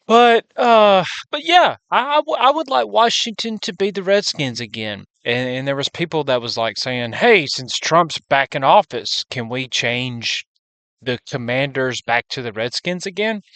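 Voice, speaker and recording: A man's voice: mid-range voice, fairly bright tone, dry recording. Rambling man with a dry, close sound. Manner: rambling, with frequent restarts and self-corrections. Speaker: vlogger. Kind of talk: casual unscripted monologue.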